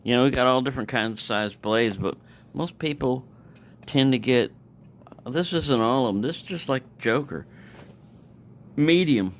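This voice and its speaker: A man of medium pitch talks at a moderate pace, leaving long pauses. In this loose, unplanned knife review he rambles on, self-corrects, and mumbles things under his breath.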